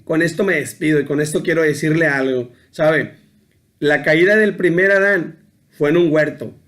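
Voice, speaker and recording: A middle-aged man preaches an informal sermon in a somewhat high voice. He talks loosely, stumbling over words and restarting. He keeps tagging his sentences with a question to the listener. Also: moderate pace, fairly bright tone. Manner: keeps adding a questioning tag, with hesitant restarts. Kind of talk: informal sermon on a Bible passage.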